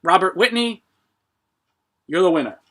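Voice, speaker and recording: Bright-voiced man making a hyped giveaway announcement. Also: high-pitched, expressive, unhurried. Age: middle-aged. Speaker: live stream host.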